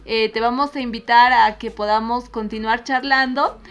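A Bolivian woman hosting a relaxed talk show, reflecting at length and thanking her guest, with many fillers. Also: a little high, normal speed, dull audio. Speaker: host. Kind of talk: casual chat.

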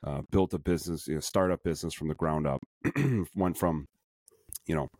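A middle-aged man with a Chicago accent hosts a podcast, his voice very deep. He rambles eagerly, piling up fillers and false starts. The sound is dry and close. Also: normal speed, darkish tone, no room sound. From suburban Chicago. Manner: rambling, enthusiastic, frequent fillers and restarts. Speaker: podcast host. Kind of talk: casual podcast chat.

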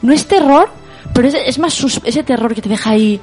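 A woman's voice: high-pitched, a little fast, a little mellow, soft background music. Emphatic young woman co-host. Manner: emphatic, many agreeing fillers. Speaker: podcast co-host. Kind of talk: casual film chat.

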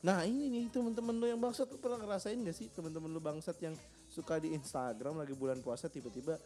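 A man's voice: a little high, fast talker, warm tone, soft background music. A young man, co-hosting a podcast in casual chat, joking and swearing often. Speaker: podcast co-host.

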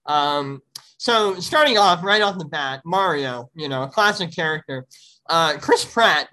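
A man's voice: a little high, expressive, a little slow, sharp tone, poor audio. A young man hosting a casual podcast, upbeat and chatty with lots of fillers and laughter. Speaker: podcast host.

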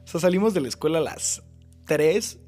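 A young man with a Mexican accent telling a story as a guest in a casual interview, animated and full of quick asides. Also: a little high, faint music behind. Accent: Mexican Spanish.

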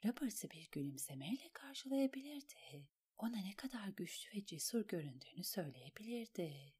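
A woman's voice: mid-range voice, sing-song, normal speed, mellow, slightly rough. A woman voicing an anxious, polite young noblewoman in an audiobook, whispering the girl's inner thoughts. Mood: whispered thoughts.

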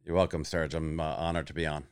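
A man with a deep, resonant voice explains strategy at an easy pace, walking through examples. The sound is dry and close, with no room around it. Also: fast talker, smooth, dry recording. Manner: relaxed, explains at length with examples. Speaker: guest fantasy football analyst. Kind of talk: casual explanatory chat.

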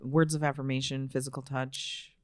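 A woman's voice: very deep voice, flat delivery, moderate pace, no echo, clean studio sound. A woman co-hosting a podcast in casual chat, blunt and matter-of-fact, swearing freely. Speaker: podcast co-host.

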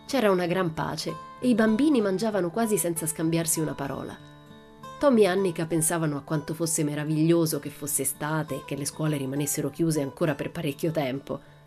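A woman narrating a children's audiobook in a calm, measured, gently expressive manner. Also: deep voice, soft background music. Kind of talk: storybook narration.

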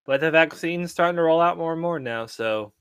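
A man's voice: a little high, a little fast, fairly bright tone, smooth, no echo. A man co-hosting a podcast, talking in an easygoing way with dry jokes. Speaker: podcast co-host. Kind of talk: casual chat.

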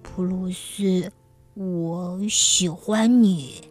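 A timid little storybook cat played by a woman, soft and hesitant. The words come very slowly and haltingly over music. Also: mid-range voice, husky, voice pushed down. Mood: shy, tender.

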